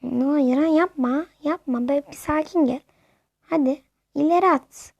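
A woman commentating on her own football video game in a casual, running chat. Her voice sits high, and she gets excitable, shouting at the referee and cheering on her players. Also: unhurried, creaky, dry recording, muffled recording. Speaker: gamer.

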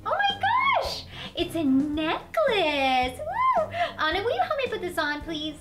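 A woman playing a sweet, excitable young princess in a campy children's parody, speaking in gushing exclamations. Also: extremely high pitch, fast talker, very noisy. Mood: excited, gushing.

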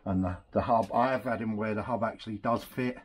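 Working at a bench in an indoor workshop, a scooter mechanic demonstrates a rebuild, talking in a relaxed, chatty way as his hands do the job. His voice is lowish and a little rough, and he speaks fairly quickly. He's off to the side of a camera placed on the bench.

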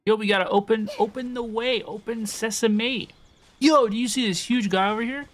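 Here a young woman game streamer talks with her audience while playing, at a moderate pace and in a slightly high voice. She tends to repeat her phrases, and music runs in the background of this casual live-stream chat and gameplay commentary.

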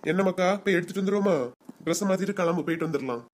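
In a lightly acted cartoon comedy role, a performer plays a kind, doting middle-aged dad with a Kanyakumari Tamil accent, speaking in a soothing, coaxing way. He talks very fast at medium pitch, with slight background noise.

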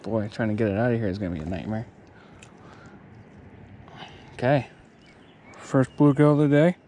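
A young man chats easily to his viewers as he fishes from a kayak out on a lake. His voice is mellow and low-key, picked up by an action camera he wears, with a faint hiss of open air around him. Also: moderate pace. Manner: relaxed, chatty, talks to viewers. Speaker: fishing vlogger. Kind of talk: casual narration while fishing. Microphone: head-mounted action camera.

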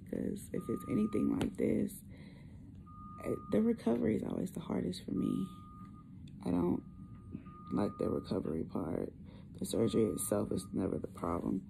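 A young woman chatting casually to camera, weak after surgery, with a hoarse, partly lost voice and a subdued, halting, effortful delivery. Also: lowish voice. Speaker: vlogger. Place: small hospital room, indoors. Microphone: phone at arm's length. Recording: noisy hospital room phone recording.

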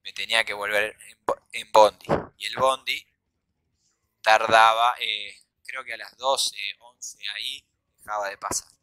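A young man with a Rioplatense Spanish accent telling a comic story, acting out quoted voices and shouts. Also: lowish voice, fairly even intonation, a little slow, smooth, dry recording, poor audio. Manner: acts out quoted voices, shouts and sound effects. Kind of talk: animated comedic storytelling.

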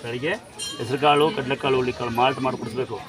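A man's voice: mid-range voice, little pitch movement, racing. A man at a temple giving blessings and home remedies to devotees, commanding and repeating his instructions. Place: outdoor temple grounds among devotees. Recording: crowd noise around.

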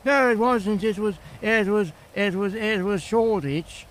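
A man's voice: high voice, measured pace, fairly bright tone, low-quality recording. A man with a younger voice faking an old British grandfather, rambling and stammering through tall tales in improvised role-play. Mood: reminiscing.

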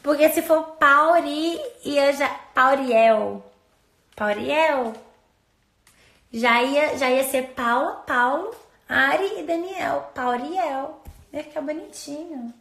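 High, chatty woman in a roomy echo. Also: takes it slowly, gravelly, fairly bright tone. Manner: chatty, rambling, playful. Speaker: social media influencer. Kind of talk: casual phone stories chat.

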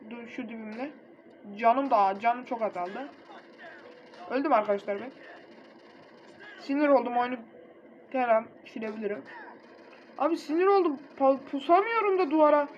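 A young man casually commenting on his mobile gameplay, excitable and quick to get frustrated, talking straight to his viewers. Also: very high-pitched, slight background noise. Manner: excitable, easily frustrated, talks to viewers directly. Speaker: gaming channel host. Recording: dull lo-fi recording with faint game music.

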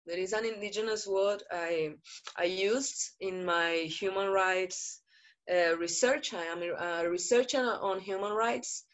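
In a panel talk over video call, this Brazilian woman activist, whose first language is Portuguese, speaks at a slow pace with medium pitch. She sounds earnest and measured, often pausing and using fillers, from an indoor room.

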